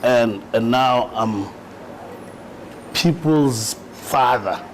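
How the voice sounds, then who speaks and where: A man's voice: mid-range voice, extremely slow, a crowd in the background, rough recording. Easygoing South African man in his thirties. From South Africa, Eastern Cape. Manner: easygoing, repeats words, often says "you know". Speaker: rapper and actor, guest. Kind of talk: relaxed podcast interview.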